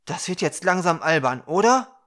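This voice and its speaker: A man voicing a small, stubborn male dwarf with a high, shrill, defiant voice in a storybook reading. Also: sing-song, moderate pace, fairly bright tone.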